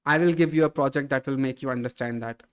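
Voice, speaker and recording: A man hosting a casual live stream, reading viewer chat aloud and answering in a relaxed way, often calling people "bro". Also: medium pitch, fast talker, clear, resonant tone.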